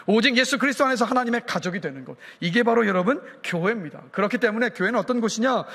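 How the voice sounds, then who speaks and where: A man preaching a sermon with a high, ringing voice, his lines trailing off in the long echo of a church sanctuary. A pastor from the Chungcheong region, he keeps putting questions to his congregation and drives toward forceful climaxes. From South Korea, Chungcheong region. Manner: fires rhetorical questions at the congregation, rising to emphatic peaks. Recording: long reverb of a church hall.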